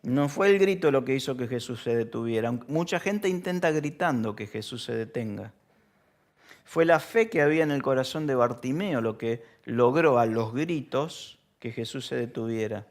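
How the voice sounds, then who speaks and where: Preaching in church with a Rioplatense Spanish accent, this male pastor keeps things informal, quizzes the congregation, and performs lines as shouts. He sounds animated, with a mid-range voice at normal speed.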